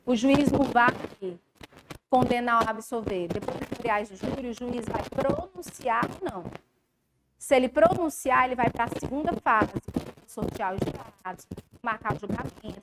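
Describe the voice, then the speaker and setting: A woman with a Brazilian Portuguese accent and a high-pitched voice teaches a live law class, speaking directly to her students in a lively, chatty way. Classroom background noise is clearly audible.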